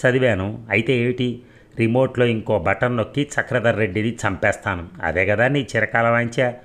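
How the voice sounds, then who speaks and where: Young male avenger, coldly calm and taunting, narrator-voiced. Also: medium pitch, moderate pace, lightly acted. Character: young vengeful hero, cool and taunting.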